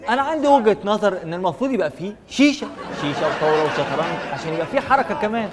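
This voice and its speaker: Very fast, loud Egyptian protester. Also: male voice, high-pitched, animated. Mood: indignant. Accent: Egyptian, varying by regional character. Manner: loud, emphatic, colloquial. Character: indignant, chatty male protester with petty demands. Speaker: citizen interviewed in the street. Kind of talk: parody vox pop. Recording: echoing hall, crowd noise.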